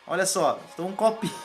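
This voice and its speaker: High-voiced man chatting on a live stream. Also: a bit bright. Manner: casual, rambling, thanks viewers by name. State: sweating. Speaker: public speaking coach. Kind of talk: live stream chat, reading viewer comments. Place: indoors, warm room.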